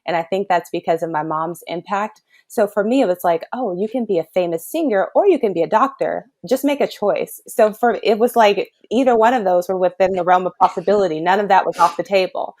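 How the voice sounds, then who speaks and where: Her mid-range, darkish voice moves fairly quickly with hardly any pauses. She's a thirty-something kidney doctor for children from Chicago's south suburbs, a guest in a casual interview who is thoughtful, earnest, and quick to laugh.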